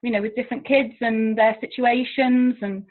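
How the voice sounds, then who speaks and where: Speaking a little high with a steady tone at moderate pace, this English languages teacher is a chatty interview guest. She is self-deprecating and laughs frequently, and the casual conversation sounds tinny, as if over a phone.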